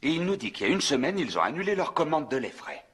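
A man's voice: a little high, big pitch swings, fast, a bit bright, slightly rough, heavily acted. An actor dubbing a talkative, nervous small-town soda fountain clerk who stumbles and restarts as he tells a story in a classic film. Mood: eager. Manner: rambling, eager, stumbling restarts. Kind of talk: dubbed film acting.

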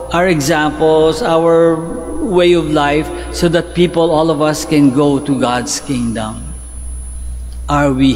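Filipino priest preaching in a reverberant church. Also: male voice. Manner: conversational, rises in pitch for emphasis and quoted lines. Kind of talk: homily mixing English and Tagalog. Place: large church, at the altar. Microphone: fixed mic from a medium camera shot. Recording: long church reverb, faint noise.

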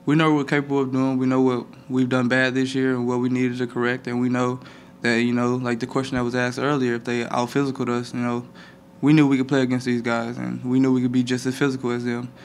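Flat-voiced young man at a presser. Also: medium pitch, a little hiss or hum. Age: young adult. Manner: flat, measured, many "I mean" fillers. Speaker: college football player. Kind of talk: postgame press conference answers. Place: press conference room. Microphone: table microphone.

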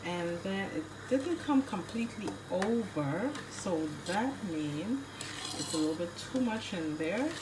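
A Haitian woman cooking in her home kitchen, chatting casually to viewers and filming on a phone held in one hand. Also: low voice. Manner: chatty, rambling asides to viewers. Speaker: cooking vlogger. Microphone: phone camera held in one hand. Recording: echoey kitchen, stove and pot noise.

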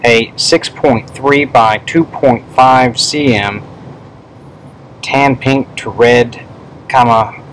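A man dictates a clinical report at a slow, deliberate pace, voicing each punctuation mark. His voice sits at a middling male pitch, with steady room noise behind it. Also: poor audio. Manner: measured dictation, speaking punctuation aloud. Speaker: pathology specimen prosector.

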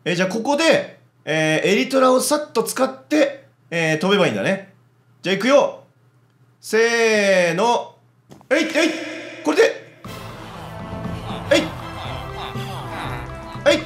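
A man giving casual let's-play commentary, chatty and excitable, talking to himself as he plays. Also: high-pitched, a little slow, long pauses. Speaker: game commentator. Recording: roomy echo with background music.

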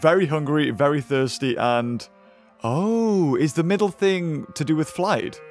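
A man's voice: fairly high pitch, expressive, unhurried, faint music behind. A young man with a sore throat, casually commenting on a game he is playing and reacting aloud to what happens on screen. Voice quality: rough, hoarse from a sore throat. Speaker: gaming video host.

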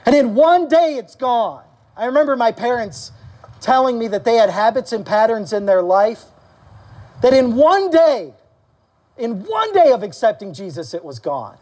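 A male pastor preaching a sermon to his church, animated, questioning the congregation and calling for amens. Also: normal speed. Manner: animated preaching, acting out quoted voices with rising pitch. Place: church service.

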